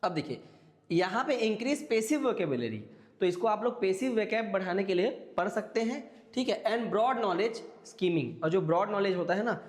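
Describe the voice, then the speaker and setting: A man's voice: high voice, expressive, normal speed. Male teacher lecturing in a reverberant room. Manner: explains step by step, keeps checking in with listeners. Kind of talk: classroom lecture.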